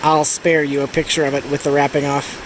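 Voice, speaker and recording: A man's voice: on the high side, level tone, fairly quick. A man giving a casual, laid-back trip update with dry humour, recorded outdoors beside a babbling creek. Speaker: travel vlogger. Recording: outdoor creek and breeze noise. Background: running stream water.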